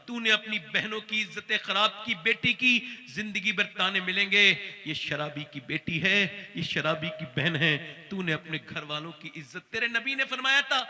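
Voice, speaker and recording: A man's voice: sits high, pushed and bright, big-room sound. A male preacher giving a sermon, telling stories with feeling and acting out the voices of the people in them. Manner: emotional storytelling, acting out quoted voices.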